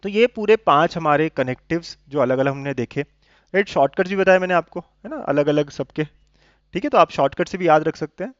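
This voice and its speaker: A man's voice: a little high, lively intonation, a little fast, no echo. A man teaching a maths lesson to students, explaining step by step and checking often that they follow. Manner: coaxing, keeps checking understanding with tag questions. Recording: dull lo-fi sound, dry.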